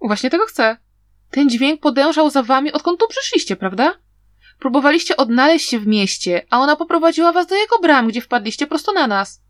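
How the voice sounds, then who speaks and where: A woman reading an audiobook, voicing a clever, playful young man who talks in a teasing, lively way. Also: high-pitched, a little fast, dry recording, clean studio sound, pitched above the performer's own voice.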